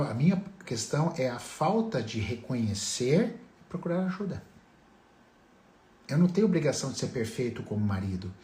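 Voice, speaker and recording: A man speaks as a therapist giving a motivational talk, pressing his points with emphatic rhetorical questions to his listeners. His voice sits in a middle pitch range. The recording carries a noticeable room echo. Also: darkish tone.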